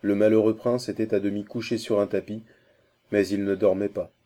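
A man narrating a classic adventure novel in a measured storytelling manner. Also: lowish voice, flat delivery, warm tone. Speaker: audiobook narrator.

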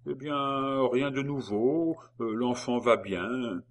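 A coarse male jailer full of revolutionary zeal, as a man reads him in a storybook, excitable and quick to speak up. His mid-pitched voice rises when he presses his point. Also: close to an everyday voice. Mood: eager.

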